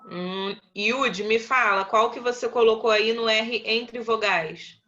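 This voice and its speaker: Uma professora brasileira dando aula online, chamando os alunos pelo nome e repetindo as respostas com paciência. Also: female voice, a little high, bright, forceful tone, highs cut off. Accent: Brazilian Portuguese. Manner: patient, slow, calls on pupils by name and repeats answers. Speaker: primary school teacher. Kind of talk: online class, quizzing pupils.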